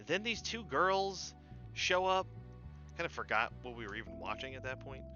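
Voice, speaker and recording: A man's voice: medium pitch, very animated, moderate pace, sharp tone, dull audio, soft background music. A man hosting a comedy movie podcast, recapping the plot in a rambling, sarcastic way and swearing often. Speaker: host.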